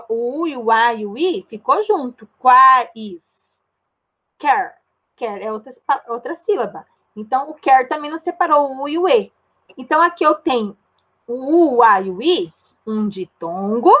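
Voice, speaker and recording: A woman's voice: sits high, muffled recording. A woman with a Brazilian Portuguese accent, a primary school teacher giving a recorded grammar lesson step by step and often checking in with her pupils. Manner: patient, explains step by step and checks in with tag questions.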